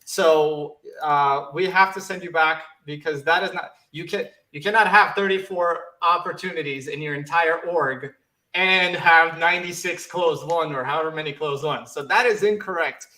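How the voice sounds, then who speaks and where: An excitable man hosts a live online contest and reads each answer aloud as he checks it. His voice is high and bright. The room around him is echoey. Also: moderate pace. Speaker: competition host. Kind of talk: live online competition hosting.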